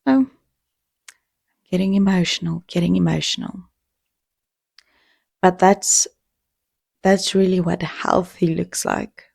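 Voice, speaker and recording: A woman hosting her own podcast, talking in a heartfelt, reflective way with pauses and restarts. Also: on the low side, level tone, creaky, a little mellow, dry recording, studio quality. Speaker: podcast host. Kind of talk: casual solo podcast talk.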